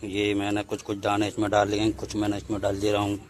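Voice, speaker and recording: A man narrating a casual family vlog, talking softly to the camera as he tends potted plants and watches his sleeping daughter. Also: lowish voice, completely flat delivery, fast, a little hiss or hum, rough recording. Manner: talks softly to camera while working with plants; raises voice into coaxing singsong when talking to his little daughter. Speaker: vlogger, father. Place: home, partly outdoors among potted plants.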